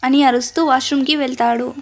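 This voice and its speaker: A woman's voice: high voice, fairly even intonation, fast. A woman with a Telugu accent narrating a family story and reading each character's lines in her own voice.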